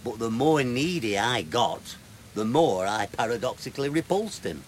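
An actor playing a self-pitying gardener, wistful and grandiloquent in a radio sitcom. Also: male voice, medium pitch, animated, normal speed, slight background noise, natural voice. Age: 30s. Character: weary, self-pitying male gardener in his thirties, cast out by his boss.

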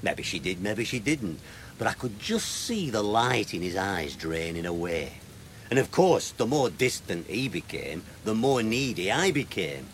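An actor playing a self-pitying gardener, wistful and grandiloquent in a radio sitcom. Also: male voice, fairly low pitch, sing-song, measured pace, a little hiss or hum. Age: 30s. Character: weary, self-pitying male gardener in his thirties, cast out by his boss.

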